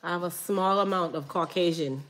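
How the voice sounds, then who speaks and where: A woman in her thirties chatting casually at a table, teasing her family with deadpan made-up facts and laughing often. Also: lowish voice, normal speed, slight background noise. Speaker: vlogger. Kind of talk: casual chat while eating. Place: small room with curtain backdrop.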